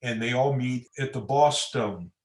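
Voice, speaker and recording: A man's voice: medium pitch, measured pace, reverberant. A man giving an informal slide lecture on church architecture in a church setting, pointing at pictures and adding personal asides.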